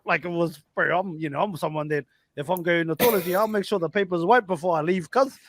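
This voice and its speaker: A man's voice: high-pitched, fast. A man with a broad New Zealand accent chatting casually with friends, loose and slangy, punctuating his story with bro, cuz and G.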